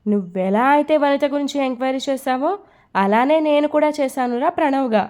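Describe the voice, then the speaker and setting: A woman's voice: high voice, a little fast, darkish tone, close to an everyday voice. A woman reading the part of a mocking, stern male police officer in an audio story. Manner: taunting, scoffing interrogation.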